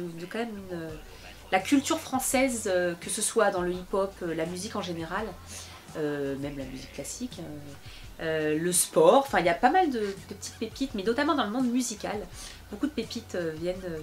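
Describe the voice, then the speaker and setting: A woman with a fairly low voice being interviewed in a TV studio. She talks at length, chatty and self-mocking, and often stops to hesitate before going on. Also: lively intonation, a little fast. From Bobigny, France. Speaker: interviewee, singer and actress. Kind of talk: interview, recounting her career. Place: local TV studio.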